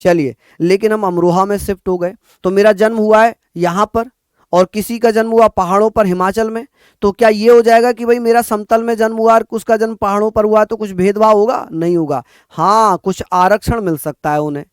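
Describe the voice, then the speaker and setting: Man from northern India, exam-prep teacher, high smooth voice, dry close sound, repeats points. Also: steady tone, moderate pace, no echo. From Uttar Pradesh, India. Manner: addresses students as bhaiya, repeats points for dictation.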